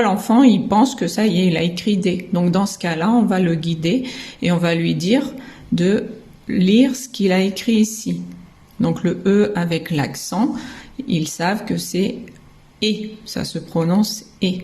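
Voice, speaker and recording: A woman's voice: on the low side, measured pace, warm tone. A French woman, a kindergarten teacher, patiently explaining how children learn to write words, sounding out syllables and letters one by one. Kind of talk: slow step-by-step teaching explanation.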